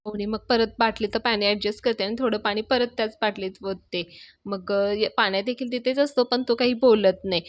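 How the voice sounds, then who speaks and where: A woman's voice: mid-range voice, steady tone, fairly quick, no room sound. A woman casually retelling a TV serial episode as a reviewer, chatty and adding her own asides. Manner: chatty, adds asides to listeners. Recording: dry, slightly dull close mic.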